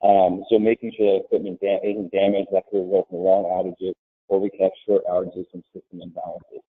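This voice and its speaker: Low-voiced man on a tinny line. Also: level tone, brisk, slightly rough, no room sound. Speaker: grid security panelist. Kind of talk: webinar panel discussion. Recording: tinny phone-like line, dry.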